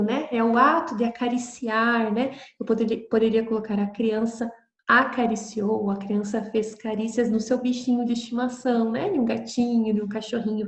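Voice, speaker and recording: A Brazilian woman teaching children in a recorded video lesson, gentle and patient, explaining step by step. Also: on the high side. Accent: Brazilian Portuguese. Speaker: primary school teacher. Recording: echoey room.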